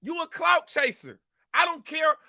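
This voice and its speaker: Fired-up man ranting, high bright voice. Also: expressive, unhurried, gravelly, no room sound, clean studio sound. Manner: angry, repetitive, confrontational. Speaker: commentary show host. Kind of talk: heated rant to camera.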